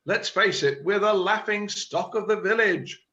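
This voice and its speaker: A man's voice: sits high, unhurried, sharp tone, dull audio. A man reading the part of a self-important chairman of an amateur drama group, declaiming his big plan. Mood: scheming. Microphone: video call.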